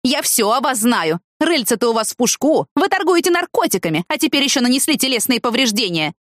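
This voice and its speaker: A hysterical middle-aged mother barks slow, heavy accusations, pitched well above the reader's usual voice, as a woman does the voice. The delivery is dry and close, with a lively swing of pitch. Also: dry recording. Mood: furious.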